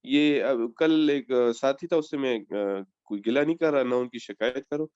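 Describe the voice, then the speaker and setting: A man's voice: medium pitch, moderate pace, a little mellow, clear, resonant tone, no room sound, dull audio. A man asking polite, hesitant questions as a student in an online class.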